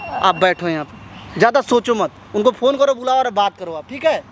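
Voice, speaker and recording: A man acts out a scheming friend in a homemade skit, his voice very high as he coaxes and instructs step by step. Light street traffic murmurs behind him outdoors. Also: animated, moderate pace. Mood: advising. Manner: coaxing, instructive. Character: calm male friend giving scheming advice. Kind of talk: amateur skit acting.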